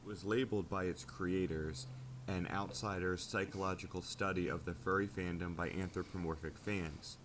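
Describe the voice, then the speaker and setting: Male documentary narrator, low and steady, informative read; audio has clear background noise. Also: normal speed. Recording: noisy played-back video audio.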